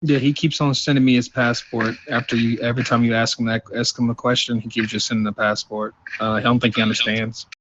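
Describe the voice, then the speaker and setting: A man's voice: mid-range voice, little pitch movement, fairly quick, few pauses, fairly bright tone. A man in a game roleplay casually explaining a problem to a colleague. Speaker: officer in roleplay. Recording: muffled voice chat with faint noise.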